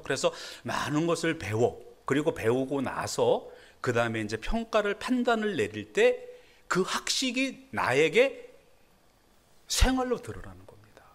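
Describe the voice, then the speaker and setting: A middle-aged man gives a Sunday sermon as a pastor in a church, in a fairly high, very lively voice. His delivery is chatty and self-deprecating, and it jumps up when he stresses a point. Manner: conversational preaching with self-deprecating laughs and sudden emphatic rises. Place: church sanctuary.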